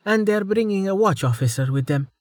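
A man's voice: high voice, expressive, a little fast, dry recording, clean studio sound, pitched above the performer's own voice. A man voicing a hot-tempered young adventurer woman. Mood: tense. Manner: sharp and impatient.

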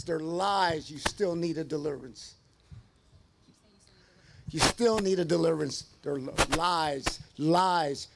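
A man playing the lying devil in a live church skit, shouting insistent, repeated accusations. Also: on the high side, background noise. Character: lying devil loudly hounding a believer, insistent and taunting. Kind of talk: live sermon illustration skit.

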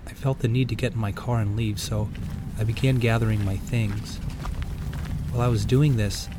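A man's voice: fairly low pitch, noisy background. A man narrating a first-person scary story in an earnest, uneasy way. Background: background music.

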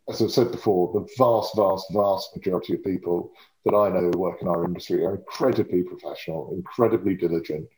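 A man's voice: deep voice, dark tone. A man in his fifties with an English home counties accent, giving articulate, self-correcting commentary as an interview guest. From Surrey, England. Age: 50s. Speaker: interview guest, lobbying and communications professional. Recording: echoey room sound.

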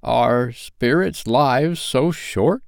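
A man voicing an old miserly man, asking anxious, slow, imploring questions. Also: medium pitch, gravelly, clear, resonant tone, no echo, studio quality, pitched above the performer's own voice. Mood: startled.

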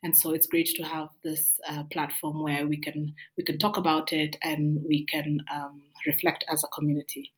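Low-voiced woman, measured podcast guest. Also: flat delivery, poor audio. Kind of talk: casual conversational interview.

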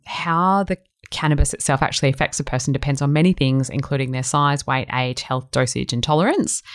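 A woman hosting a podcast, giving an informal introduction in a chatty, enthusiastic manner. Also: deep voice. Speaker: podcast host.

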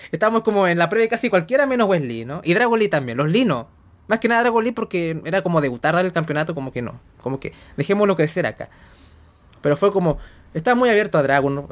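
A podcast host with a mid-range voice gives a wrestling commentator's blow-by-blow recap. The delivery is informal and jokey, dotted with colloquial asides and the odd swear word. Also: mid-range voice. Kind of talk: wrestling commentator style match recap, casual.

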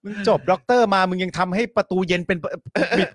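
A man's voice: high-pitched, steady tone, no room sound. A young man co-hosting a casual news talk show, mocking and joking, swearing for laughs. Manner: fast-talking, mocking, swears in jokes. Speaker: co-host.

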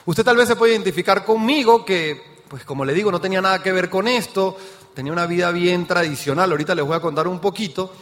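A man's voice: sits high, fast talker, fairly bright tone, big-room sound. A man from Venezuela with a Venezuelan accent gives a motivational talk to an audience on stage, often asking rhetorical questions. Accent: Venezuelan Spanish. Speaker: business event speaker.

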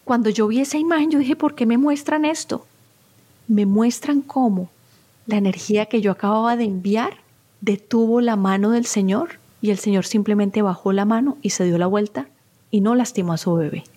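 As a guest in an interview, a middle-aged woman who is a spiritual therapist tells personal stories with earnest, heartfelt feeling. She speaks at a normal speed in a warm, medium-pitched voice.

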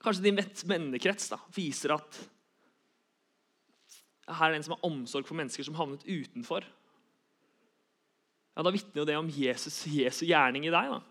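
A man's voice: a little high, pauses often, fairly bright tone. A young man giving an earnest sermon, repeating key phrases for emphasis. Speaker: preacher.

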